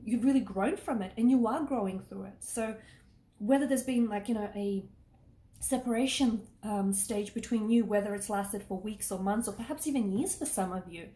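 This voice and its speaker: A woman's voice: mid-range voice, moderate pace, mellow, reverberant. A woman giving a casual tarot reading, talking earnestly and reassuringly with lots of "you know" and "okay", her voice a little worn. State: losing her voice. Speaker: tarot reader.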